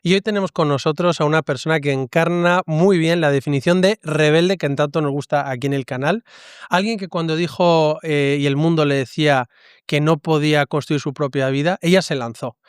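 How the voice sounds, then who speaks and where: A man hosts an interview as a priest, with a slightly high, smooth voice. He asks his questions and often checks in with a short tag question. The sound is close and dry. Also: fairly quick, no echo. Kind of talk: conversational interview.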